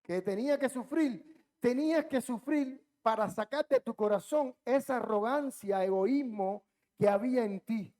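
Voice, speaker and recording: A male pastor preaching a sermon in a church, repeating phrases and building up to loud, emphatic peaks. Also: extremely high pitch, unhurried. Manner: impassioned preaching with heavy repetition.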